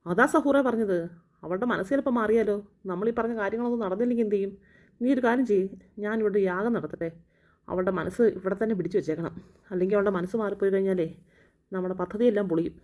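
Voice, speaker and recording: A woman voicing a scheming, power-hungry old witch grandmother in a cartoon, who chants slow spells. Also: mid-range voice, darkish tone, close to an everyday voice. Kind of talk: Malayalam cartoon dubbing.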